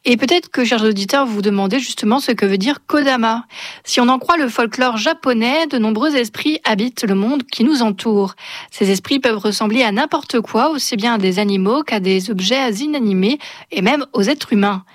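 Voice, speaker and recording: A woman radio host reads a scripted segment to her listeners. Her voice sits fairly high, her delivery is smooth, and the sound is close and dry. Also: normal speed, no room sound. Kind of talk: scripted narration.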